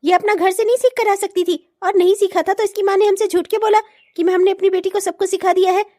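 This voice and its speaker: A woman's voice: very high voice, fairly even intonation, quick pace, warm tone, no echo, clean studio sound. A woman voicing a bratty, mocking cartoon sister. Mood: sarcastic. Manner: teasing, giggling, sarcastic. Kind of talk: comic cartoon voice acting.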